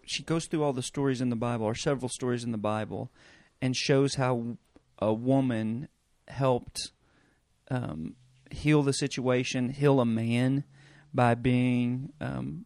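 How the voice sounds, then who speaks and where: A man co-hosting a podcast, chatting casually and loosely, often pausing on fillers as he thinks aloud. His voice sits at an ordinary pitch and sounds close and dry, with no room around it. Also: dry recording. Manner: relaxed, hesitant with many fillers. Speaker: podcast co-host. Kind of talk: casual chat.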